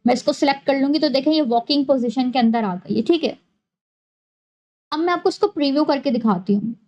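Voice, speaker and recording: A woman narrating a screen-recorded software tutorial, explaining each step patiently and repeating key points. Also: high voice, a little fast, dull audio. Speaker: animation tutorial host.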